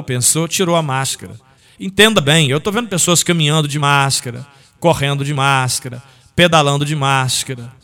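A man's voice: on the high side, fairly bright tone. A man hosting a local radio sports show, chatting folksily with listeners and reading sponsor ads. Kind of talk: casual radio talk with live ad reads.

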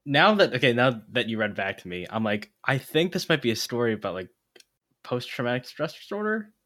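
A man's voice: medium pitch, big pitch swings, a little fast, pushed and bright. A man co-hosting a book podcast, reacting and thinking aloud in casual chat. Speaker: podcast co-host.

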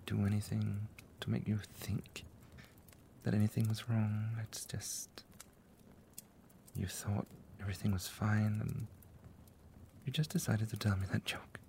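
In an ASMR roleplay, a man voices an affectionate, doting male dragon lover, speaking softly and often in a tender whisper. His voice is lowish and gravelly, with a slight hiss or hum.

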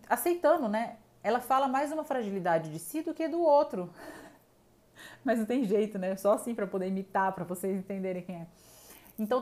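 A woman's voice: mid-range voice, darkish tone. A woman giving casual commentary, tagging her sentences with né and tá and mimicking people.

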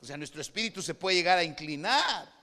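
A Guatemalan preacher with a high, ringing, bright voice delivers a sermon in Spanish. He drops to quiet, confiding asides and then rises to shouted exhortation. The sound carries a long reverberant hall tail. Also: animated, fast talker.

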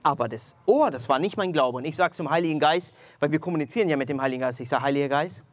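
Brief: male preacher, somewhat high voice, animated testimony, dry close sound. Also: fast, dry recording. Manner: animated storytelling, addresses listeners directly. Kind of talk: sermon testimony.

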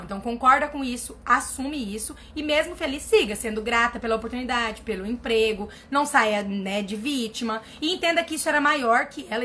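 A woman speaks in a slightly high, pushed, bright voice over faint background noise. She's a family constellation therapist answering viewer questions during a casual live session, reading comments and giving blunt, emphatic advice, often repeating herself for stress.

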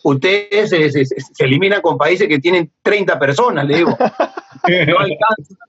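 A middle-aged Peruvian man with a Peruvian Spanish accent, telling stories as an interview guest, animated and laughing often. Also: on the high side, normal speed. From Peru. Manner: animated, laughs often, acts out remembered dialogue. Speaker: guest, former footballer. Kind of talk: casual storytelling interview. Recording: dull lo-fi podcast audio.

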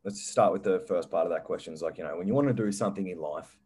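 A man's voice: low-pitched, fast talker, a little mellow, slightly rough. A young man hosting a casual motivational chat, emphatic and breaking it up with laughs and frequent "all right"s. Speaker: podcast host.

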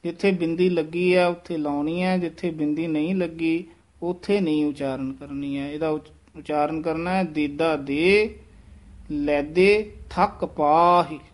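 A man teaching the correct pronunciation of recited verse, repeating each phrase slowly and carefully. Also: on the high side, fairly even intonation, a little mellow. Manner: slow, careful, repeats each line syllable by syllable.

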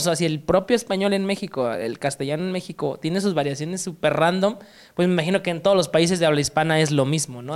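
A Mexican podcast host in casual conversation. The voice is midrange and easygoing, full of slang, looping back over its own words as it goes. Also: medium pitch. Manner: laid-back, rambling, slangy, many restarts.

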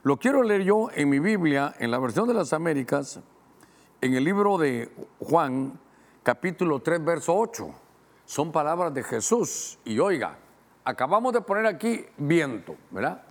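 Middle-aged Guatemalan-born pastor, man, higher-pitched, teaching sermon, measured scripture reading, quick asides to the tech crew. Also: very animated. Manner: teaching, directing helpers to show verses on screen; slows down to read scripture, speeds up in asides.

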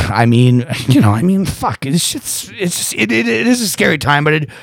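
A middle-aged man with a gravelly voice, chatting casually in a blunt, sweary, ranting way. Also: a little high, moderate pace, no echo, clean studio sound. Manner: profane, animated, blunt ranting. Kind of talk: casual chat.

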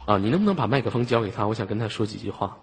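A man's voice: lowish voice, lively intonation, very fast, breathy edge. A man hosting a live online voice chat, bantering and teasing callers in a joking way, often chuckling as he talks. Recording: noisy, long hall-like reverb on the mic.

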